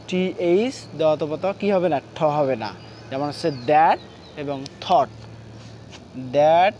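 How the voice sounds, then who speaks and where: A man with a Bangladeshi accent teaching an English pronunciation lesson, repeating words slowly and deliberately. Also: a little high, a little mellow, slight background noise. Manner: repetitive drilling, slow and deliberate. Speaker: English teacher and course founder.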